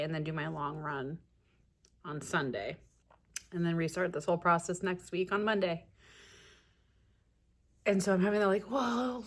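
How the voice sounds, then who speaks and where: A woman chatting casually to a vlog in a candid, reflective, rambling way. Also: fairly low pitch. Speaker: running vlogger.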